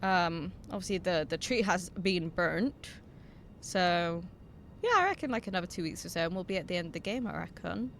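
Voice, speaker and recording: A woman's voice: fairly low pitch, expressive, moderate pace, a little hiss or hum. A young woman streaming a game, chatting casually with viewers, laughing often, swearing and reading out their messages. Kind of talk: casual live-stream chat while gaming.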